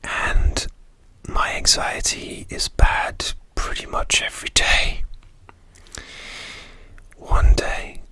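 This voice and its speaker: Slow, whispered ASMR pep talk. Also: no room sound. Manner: slow, gentle, hesitant, confiding. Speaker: ASMR video host. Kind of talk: whispered ASMR, softly encouraging affirmations and personal chat, a whispered pep talk.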